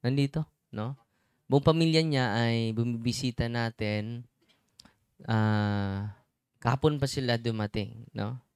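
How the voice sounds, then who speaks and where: A man's voice: mid-range voice, slow, pauses often, darkish tone, clear, resonant tone, no echo, studio quality. A middle-aged man, a priest and exorcist, giving a chatty sermon and often checking in with his listeners. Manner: chatty, keeps checking in with the congregation. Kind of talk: conversational sermon.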